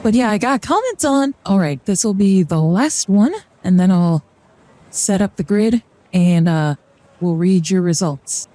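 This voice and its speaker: Casual livestream chat fills a card reading as a young woman rambles and jokes, with fillers and short bursts of laughter. Her voice is medium-pitched and mellow, with lively intonation and a measured pace.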